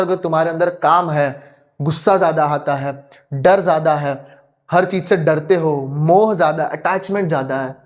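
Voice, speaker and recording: A young man giving an earnest spoken lecture, asking rhetorical questions over and over and mixing in English words. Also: fairly high pitch. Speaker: youtube teacher.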